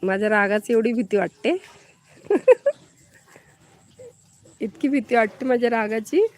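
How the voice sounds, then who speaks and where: A woman's voice: a little high, brisk. A woman from Maharashtra hosting a live stream, chatting casually and answering viewers' comments as she greets them by name.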